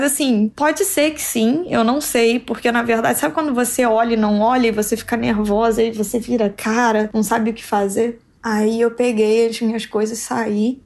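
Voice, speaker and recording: A young woman, an engineer, recounts a personal experience in conversation, speaking in an emotional, halting way with many fillers. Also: a little high, vocal fry. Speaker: engineer guest.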